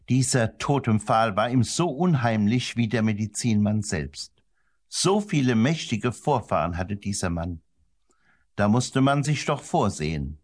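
A man narrating a children's story in a gentle, expressive way. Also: husky. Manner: gentle and expressive, varies the pitch to suit the story. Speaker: audiobook narrator.

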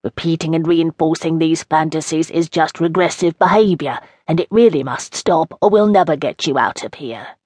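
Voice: mid-range voice, normal speed, darkish tone, no echo, close to an everyday voice. An audiobook reader voicing a condescending institution doctor with a soothing, patronising manner. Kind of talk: audiobook character voice.

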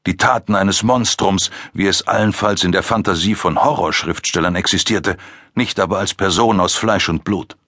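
A man narrating a thriller audiobook with a measured, suspenseful delivery. His voice is bright and a bit husky, captured on a close studio mic with a dry, roomless sound. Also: low voice, no echo.

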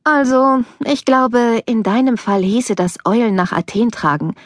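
Woman doing a sharp, teasing young student girl, pitched up a touch, dry close read. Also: a little slow, dry recording, natural voice. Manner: wry, teasing.

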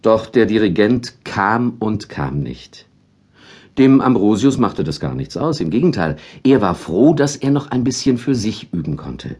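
Storyteller man reading to kids, husky low voice, lots of melody. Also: a little slow, faint music behind. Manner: lively, expressive storytelling. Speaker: audiobook narrator.

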